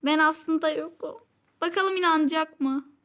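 A woman hosting a playful game-play vlog, giggling often and sometimes dropping to a hushed voice. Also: high voice, normal speed. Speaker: channel host.

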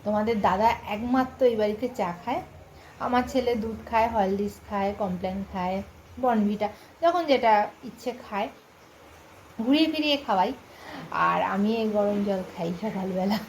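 A middle-aged woman with a Bengali accent, chatting quietly and casually to her viewers in an early-morning home vlog, keeping her voice low so the family can sleep. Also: moderate pace, slight background noise, rough recording. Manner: soft-spoken, chatty, talking quietly so as not to wake the household. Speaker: vlogger.

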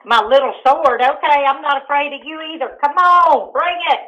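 On a muffled phone line, a woman with a Southern US accent, the target of a prank call, talks casually in a defiant, goading way. Her voice sits high and her speed is normal.

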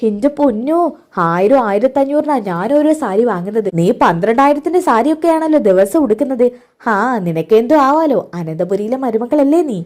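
A woman's voice: a little high, animated, a little fast, darkish tone, lightly acted. A woman voicing a doting older mother who speaks in a coaxing, affectionate way.

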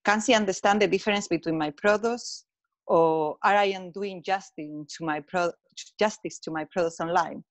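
A Spanish woman who works as a colour consultant gives an earnest online webinar over a video call, speaking English as a second language with a Spanish accent. Her voice sits on the low side, the audio has no echo, and her non-native phrasing is halting and sprinkled with fillers.

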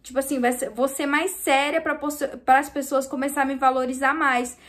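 A woman with a high voice and a Brazilian Portuguese accent tells stories from running her small clothing store. She talks casually and chattily to her viewers, calling out to them often as she vents. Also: steady tone, fairly quick, a bit bright. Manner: chatty, venting, often addresses viewers directly. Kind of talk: casual vlog storytelling.

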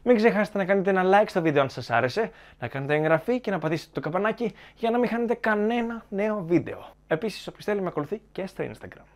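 A man's voice: high voice, lively intonation. A man giving opinionated film commentary to viewers, arguing his points in a sarcastic, argumentative way.

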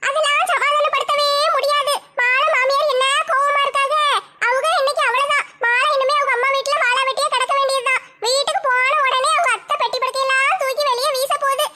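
A woman's voice: very high-pitched, fairly even intonation, quick pace, bright, forceful tone, voice pushed up, exaggerated voice. A woman voicing a scheming, gossipy village woman, talking in a gloating sing-song.

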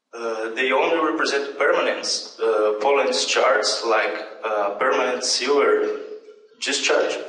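A man's voice: medium pitch, fairly bright tone. A young man from Brazil with a Brazilian Portuguese accent, giving an academic conference talk in English with hesitant fillers and self-corrections. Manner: halting non-native English with frequent fillers and self-corrections. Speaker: conference presenter. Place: large dim lecture hall with a projection screen. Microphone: handheld microphone, heard through room speakers from a distant camera. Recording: echoey hall recorded from far off.

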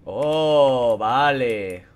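With a clear, resonant, medium-range voice, a young Spanish gaming YouTuber draws out his words expressively in a Spain Spanish accent while commentating a horror game he's playing. Each scare brings swearing and yelps, and between them he drops to mutters.

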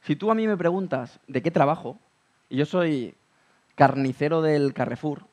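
A man's voice: a little high, moderate pace, a little mellow. A man in a reflective conversation at a talk, thoughtfully building his points with everyday examples. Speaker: guest speaker.

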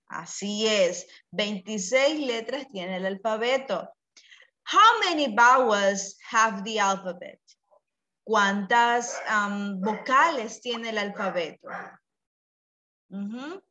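Woman, teacher, patient, repeats words, slightly high voice, bright tone. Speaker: English teacher. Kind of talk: bilingual classroom lesson.

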